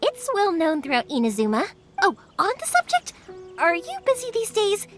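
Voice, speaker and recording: A woman playing a cheerful, playful young fireworks maker in a video game, talking in animated, casual, emphatic phrases. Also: very high voice, moderate pace, exaggerated voice. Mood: cheerful, inviting. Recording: background music under the dialogue. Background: music.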